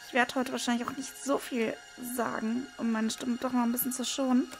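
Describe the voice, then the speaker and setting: A woman with a hoarse, gravelly voice talks through a card unboxing at her desk, hands over the table, picked up by a small camera-mounted mic. Her pitch sits a little higher than most women's, she speaks fairly quickly and relaxed with frequent hesitation fillers, and soft music plays faintly underneath.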